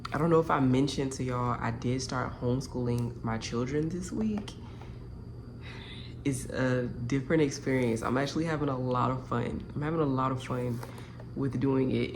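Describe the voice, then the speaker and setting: A woman's voice: rumbling low, noisy background. A woman vlogging casually from her bedroom about a book she is reading, chatting candidly to her viewers and swearing freely. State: tired. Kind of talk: casual chat to camera. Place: bedroom at home.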